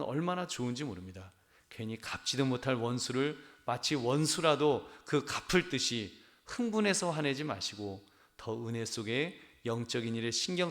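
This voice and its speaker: A man, a pastor, delivering an earnest sermon, often turning to the congregation with direct appeals and building to emphatic, animated peaks. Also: medium pitch.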